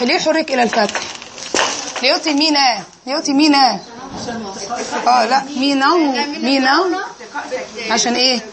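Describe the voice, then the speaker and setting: In a classroom, a high-pitched woman with an Egyptian accent teaches Arabic grammar, quizzing her students and drilling them on every answer.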